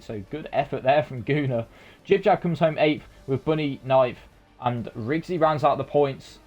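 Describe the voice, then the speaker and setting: A man commentating an online racing league finish, calling the results with rising excitement. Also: medium pitch, highs cut off. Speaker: race commentator. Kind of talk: esports race commentary.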